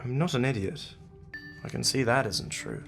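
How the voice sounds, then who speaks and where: This male actor's voice is mid-range and fairly bright, swooping wildly in pitch and heavily acted over soft background music. He's playing an audio-drama character who leads secret investigators: commanding, wry, and gruffly kind, delivering lines in a measured, authoritative manner with a wry, probing mood.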